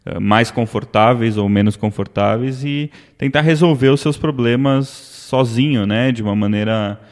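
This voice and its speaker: A man's voice: medium pitch, normal speed. A man with a Brazilian accent co-hosting a podcast, talking in a conversational way and often ending his phrases with a tag question. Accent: Brazilian Portuguese. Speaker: podcast co-host. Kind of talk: casual discussion. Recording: long reverb.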